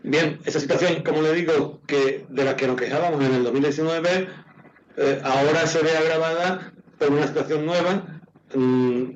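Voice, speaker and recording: Muffled Andalusian man, measured and hesitant. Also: fairly high pitch. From Andalusia, Spain. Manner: hesitant, measured explaining with repeated words. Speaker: doctors' union president, interviewee. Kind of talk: interview answer. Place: remote call into a TV programme. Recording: muffled lo-fi call with clear noise.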